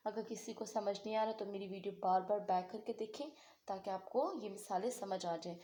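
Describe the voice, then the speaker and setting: A woman's voice: mid-range voice, fairly even intonation, a little fast, warm tone. Echoey, patient woman teaching Quran recitation. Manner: patient, repeats questions and answers them herself. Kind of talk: online tajweed lesson.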